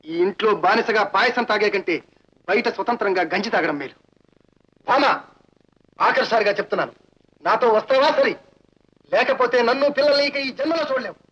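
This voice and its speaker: An indignant son-in-law who rails in a very high voice. He speaks fast, in a declamatory way, as in film melodrama. The sound is a dull old movie track with soft music underneath. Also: expressive, a little hiss or hum. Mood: declaiming. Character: proud angry son-in-law.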